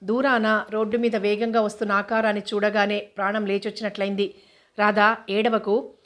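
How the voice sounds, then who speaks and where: A woman narrating a humorous novella in a steady, even storytelling way. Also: medium pitch, fairly quick. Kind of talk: reading a humorous novella aloud.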